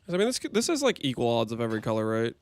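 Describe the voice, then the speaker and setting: A man's voice: medium pitch, huge pitch swings, very fast. A man on a livestream headset mic, chatting and joking as he thinks aloud through gameplay commentary.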